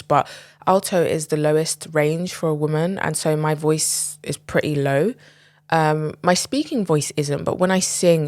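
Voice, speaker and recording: This podcast host is a woman in her twenties with a low voice and no echo in the recording. Her monologue is confessional and relaxed, full of "like" and "um" as she chats freely.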